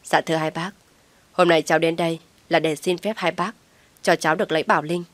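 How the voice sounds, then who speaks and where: A woman voicing a guilt-ridden young man who speaks quietly and formally with a choked voice. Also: sits low, fairly even intonation, brisk, no echo, lightly acted. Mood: subdued.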